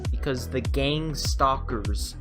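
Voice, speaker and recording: Guy on a voice chat cutting in and out, stop-start talk, lots of ums, music going under him. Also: mid-range voice. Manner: halting, full of fillers and restarts. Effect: voice cutting in and out over an online call. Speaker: podcast co-host. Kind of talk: casual chat over voice call. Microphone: online voice-chat mic.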